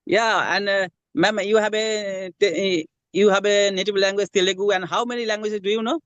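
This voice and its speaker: A man's voice: high voice, steady tone, normal speed, a bit bright, clear, resonant tone, dry recording, dull audio. A man with a Bengali Indian accent and Bengali as his first language, hosting a conversational interview and often repeating and rephrasing himself. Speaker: host of English conversation channel.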